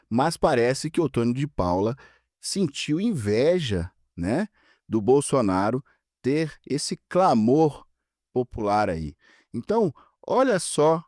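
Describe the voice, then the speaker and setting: A man's voice: medium pitch, darkish tone, no room sound, studio quality. A man with a Brazilian Portuguese accent giving sarcastic political commentary and talking straight to his viewers.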